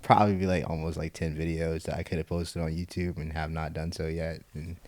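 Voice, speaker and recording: A young man co-hosting a podcast, who works as a concrete estimator, chats casually and rambles with lots of fillers and restarts. His voice is extremely low and darkish, with flat delivery and a brisk pace.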